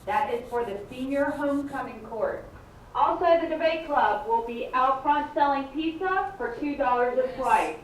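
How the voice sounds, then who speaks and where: A woman reading school announcements in a brisk, formal way over a PA loudspeaker. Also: high voice, animated, slight background noise. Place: classroom, heard through a wall speaker. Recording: echoey PA loudspeaker heard from far off in a classroom.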